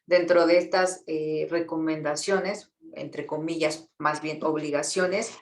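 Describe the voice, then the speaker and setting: A woman with a Mexican accent, an activist earnestly explaining things to students, often pausing with fillers and repeated words. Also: deep voice, steady tone, roomy sound. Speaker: guest speaker, feminist activist.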